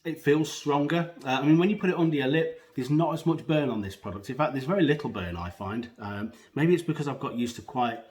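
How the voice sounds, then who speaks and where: A man's voice: mid-range voice, fairly quick, hardly any pauses, a little mellow. A man giving a casual, unscripted product review in a hesitant, rambling way, talking with a pouch tucked under his lip. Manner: hesitant, rambling, self-correcting. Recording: echoey room.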